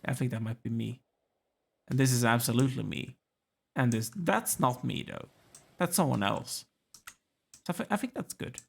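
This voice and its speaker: A man's voice: mid-range voice, expressive, moderate pace, vocal fry, pauses often, slightly rough. A tired, yawning man casually commenting as he plays a strategy game, musing aloud and chatting to the characters on screen. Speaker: let's play gamer.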